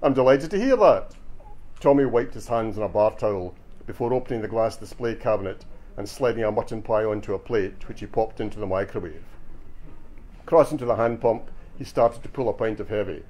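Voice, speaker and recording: A man's voice: fairly low pitch, brisk, dark tone. A man from Glasgow with a Scottish accent, reading from his crime novel and talking dryly at a bookshop launch. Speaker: author. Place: bookshop event.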